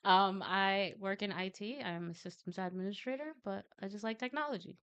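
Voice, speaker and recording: A woman's voice: mid-range voice, fairly quick, fairly bright tone, clear, resonant tone, lo-fi sound. A woman in her thirties introducing herself as a panelist, cheerful and giggly. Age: 30s. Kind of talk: casual chat.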